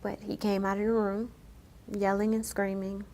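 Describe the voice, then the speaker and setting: Soft-spoken woman recounting her story. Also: mid-range voice, flat delivery, moderate pace, slight background noise. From United States. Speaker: interviewee telling her story. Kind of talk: personal account in a news interview.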